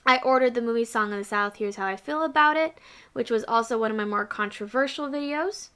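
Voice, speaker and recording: A woman's voice: fairly high pitch, fairly quick, bright, forceful tone, clean tone. A woman hosting her own channel, chatting casually and rambling through a list of her past videos with asides. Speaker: channel host.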